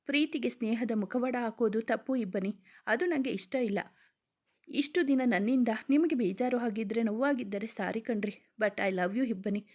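A woman voicing a gentle, heartbroken young man in love, reading his lines softly and tearfully in a storybook reading. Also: fairly high pitch, normal speed, lightly acted. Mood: sad. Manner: soft, pleading, tearful lines.

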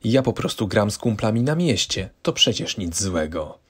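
A man's voice: fairly low pitch, sing-song, normal speed, husky. A man reading a condescending gambling husband. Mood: patronizing. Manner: condescending, defensive. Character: smug middle-aged husband, dismissive gambler.

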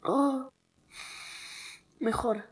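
A young Argentine woman with a bright, fairly high voice chats casually into her phone for followers. She has a cold, so she sounds stuffed up. She jokes at her own expense and whines when something hurts. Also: fairly even intonation, very slow. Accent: Argentine Spanish. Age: young adult. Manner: chatty, self-mocking, whiny when in pain. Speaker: TikTok creator. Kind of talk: casual vlog chat.

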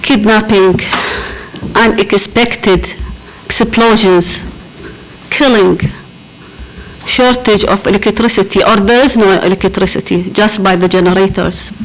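Slow-spoken woman. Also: mid-range voice, fairly even intonation, slight background noise, poor audio. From Iraq. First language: Arabic. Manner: slow, careful, repeats words while searching for English. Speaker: refugee panelist. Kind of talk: personal testimony at a panel. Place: large conference hall. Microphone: table microphone.

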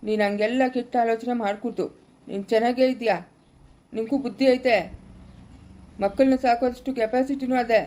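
Woman doing a reassuring parent, mellow, fairly high voice, soothing, amateur skit. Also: steady tone, a little fast, pauses often, lightly acted. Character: comforting parent consoling a crying daughter. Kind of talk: amateur family skit acting.

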